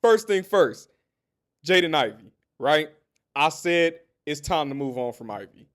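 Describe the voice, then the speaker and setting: A man's voice: fairly high pitch, a little slow. A man hosting his own sports podcast, giving casual commentary, talking straight to listeners and telling stories. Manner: animated, talks straight to listeners, tells stories.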